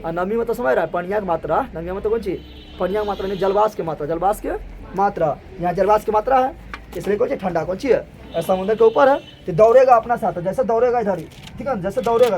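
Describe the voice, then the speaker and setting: A man teaches at a rapid clip, and his voice sits on the high side. He keeps his lecture animated and loops back with repeated questions. A faint hiss sits under the recording. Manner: animated, repetitive questioning, colloquial Hindi with regional forms. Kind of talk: classroom lecture with call-and-response.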